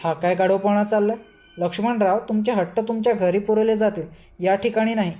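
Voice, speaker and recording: A woman's voice: medium pitch, steady tone, a little fast, mellow, lightly acted. A woman voicing an arrogant impostor holy man who is really a demon, boastful and commanding. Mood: angry.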